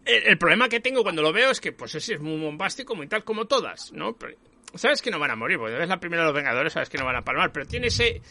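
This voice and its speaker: A man from talks about a film in a casual, emphatic way. His voice sits high and swings widely in pitch. It has a bright, forward tone on a dry recording. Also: quick pace. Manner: animated, emphatic, swears casually.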